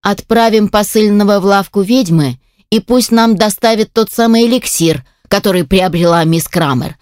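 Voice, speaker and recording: A woman voices an indignant male defense lawyer who keeps jumping up to protest in a storybook trial. His objections come out slow and weighty, in a dry, close recording. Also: medium pitch, a little mellow, no room sound, lightly acted.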